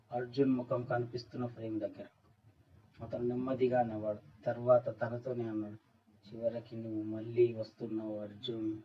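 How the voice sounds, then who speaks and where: A man reading a scripted horror story as narrator, with an even, flat delivery. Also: medium pitch, slightly rough. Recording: dull, distant-sounding recording.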